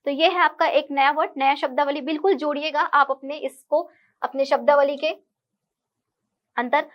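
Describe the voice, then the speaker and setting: High-pitched woman teaching exam English. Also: highs cut off. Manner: patient, explanatory, repeats key words. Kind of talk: online lesson, explaining MCQs.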